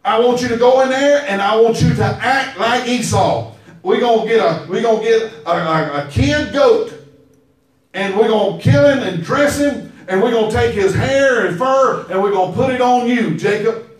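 High-voiced pastor in echoey sanctuary. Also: male voice, moderate pace. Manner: emphatic, call-and-response, storytelling. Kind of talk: sermon. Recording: very echoey hall, mic far off.

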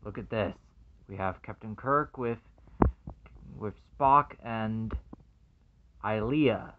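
A man unboxing a movie collection in casual commentary, earnestly excited, reading the labels aloud and calling each one very amazing. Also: on the low side, takes it slowly, phone-quality sound, background noise.

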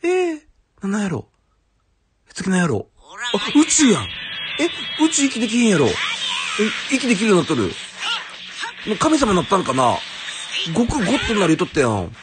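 A man with a Kansai accent giving casual, excitable commentary as he pulls characters in a game, exclaiming and musing aloud. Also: high voice, a little fast, pauses often, noisy background. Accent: Kansai Japanese. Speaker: gaming YouTuber. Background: game music.

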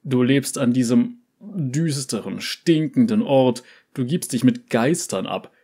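A man's voice: medium pitch, expressive, unhurried, warm tone, slightly rough. A man doing a chirpy old yordle uncle. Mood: coaxing. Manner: relentlessly cheerful, coaxing. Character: cheerful elderly male yordle uncle, pushy.

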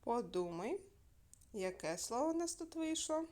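A woman teaching a primary school lesson by video, clear and patient, asking questions and answering them herself. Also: fairly high pitch, big pitch swings, measured pace, mellow.

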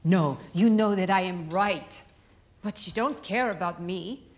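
An actress playing a worried, blunt and unyielding wife, arguing reproachfully and emphatically in a film drama. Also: female voice, lowish voice, measured pace, close to an everyday voice. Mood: angry, reproachful. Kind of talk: film drama acting, marital argument. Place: dining room indoors.

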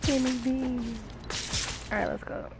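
A woman's voice: sits high, a little slow, creaky, loud music behind the voice. A young woman streaming a game, chatting casually and laughing, her voice cracking from screaming. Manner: excitable, laughing, shouts callouts. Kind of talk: casual gaming chat. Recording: noisy game audio behind.

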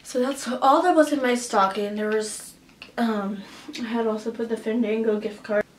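A woman's voice: fairly high pitch, steady tone, moderate pace. Chatty young woman in an echoey room. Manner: chatty, upbeat, many "like" and "um" fillers. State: has a cough drop in her mouth. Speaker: vlogger. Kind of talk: casual haul chat. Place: at home, indoors.

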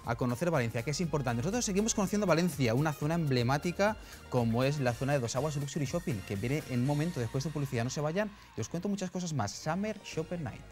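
Upbeat male TV host, 30s, slightly high voice, lapel mic, faint music underneath. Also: expressive, quick pace, a little mellow. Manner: upbeat, announcing segments. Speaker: TV presenter. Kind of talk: studio TV presenting. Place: TV studio, seated on sofa.

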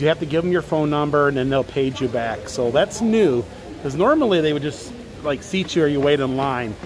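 Masked man vlogging at a theme park. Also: high-pitched. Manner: chatty, addresses viewers as guys. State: talking through a face mask. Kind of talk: casual theme park vlog.

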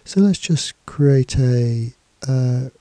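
Indoors, a bunged-up computing teacher with a cold casually walks through a programming screencast, talking over slides and a screen recording. His medium-pitched, mellow voice is expressive and draws words out, and there's no echo. He hesitates often, using fillers and restarting phrases.

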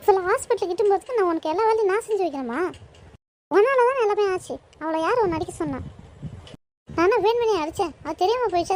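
A woman's voice: extremely high pitch, darkish tone, slight background noise. A woman voicing a mother in a cartoon who scolds one daughter and coaxes the other. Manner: nagging, scolding. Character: scolding mother of two girls.

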